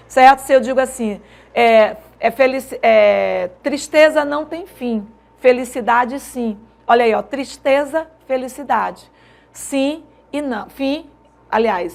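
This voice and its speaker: A woman teacher with a Brazilian Portuguese accent, giving a grammar lecture and checking often that her students follow. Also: a little high. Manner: explanatory, with frequent checking tags; stretches out example phrases slowly.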